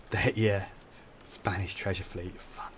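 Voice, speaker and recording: Tired man, low flat voice. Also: takes it slowly, slight background noise. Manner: rambling, self-correcting, explains as he plays. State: tired, yawning. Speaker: game streamer. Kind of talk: casual live gameplay commentary.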